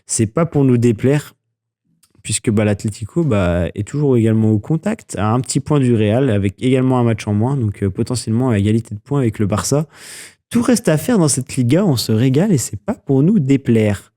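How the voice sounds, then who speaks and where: A man's voice: mid-range voice, lively intonation, a little fast, mellow. A man hosting a casual sports news podcast, talking loosely with many fillers, restarts and self-corrections as he runs through weekend results.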